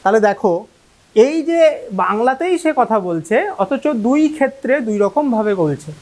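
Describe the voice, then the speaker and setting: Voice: mid-range voice, lively intonation, moderate pace, darkish tone. A teacher from gives an online class lecture. The teacher explains step by step, asks checking questions, and acts out how students talk. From Malda, West Bengal. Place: local cable TV class recording.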